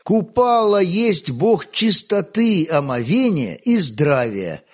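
A man's voice: high voice, sing-song, slow, heavily acted. A man reading aloud, voicing an earnest, studious boy prince who recites his answers like a lesson.

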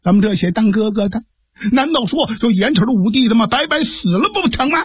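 A man's voice: extremely high pitch, expressive, a little fast, husky, no echo, studio quality, heavily acted. A man playing a shrewd, earnest sworn brother who pleads urgently with his superior. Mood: urgent pleading.

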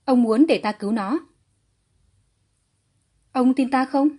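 A woman's voice: sits high, slow, mellow, voice pushed up. Woman voicing a cold, self-assured young healer. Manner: cold, curt.

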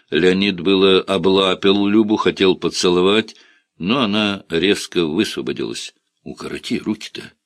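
A man narrating an audiobook in a calm, measured way. His voice sits very low. The recording is dry and close. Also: no echo.

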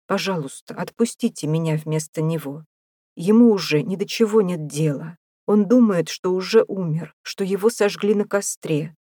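A woman's voice: fairly low pitch, normal speed, dark tone, dry recording, clean studio sound, lightly acted. Woman doing a desperate starving male prisoner. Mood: pleading, indignant. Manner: pleading, wailing, indignant. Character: desperate hungry male prisoner, pleading and whining.

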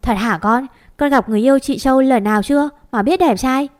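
A woman's voice: high-pitched, fairly quick, voice pushed up, natural voice. A woman voicing an old grandmother who scolds fondly and gives homely advice. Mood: chiding.

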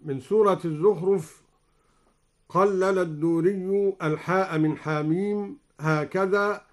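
A man with a notably high voice explains recitation variants in a formal, measured way. He speaks slowly and drops into drawn-out chanted recitation for each verse he quotes. The sound is a clean radio studio recording. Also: steady tone. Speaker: Quran recitation teacher.

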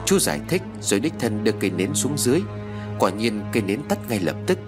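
A man narrating a ghost story audiobook in a steady, expressive reading. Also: lowish voice, quick pace, over music.

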